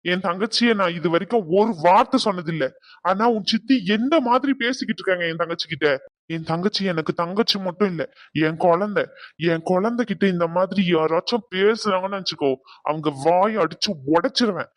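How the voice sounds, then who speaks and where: A man's voice: high-pitched, fairly quick, no echo, close to an everyday voice. A man playing a stern protective young groom. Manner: stern, lecturing, raises voice. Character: young groom, firm and protective of his sister. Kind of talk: cartoon drama voice acting.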